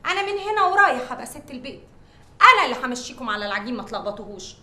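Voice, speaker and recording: A woman's voice: big pitch swings, racing, bright, forceful tone, full character voice. An actress playing a bossy woman who barks orders at the servants, with an Egyptian accent. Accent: Egyptian Arabic. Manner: shrill, barking orders. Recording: roomy echoey set.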